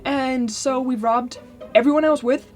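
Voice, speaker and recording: A woman's voice: high voice, fairly even intonation, moderate pace, natural voice. Woman as cocky young space rogue, rambling, self-mocking comic tale, music bed. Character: boastful, carefree young male space adventurer. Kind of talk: comic monologue storytelling. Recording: music playing underneath.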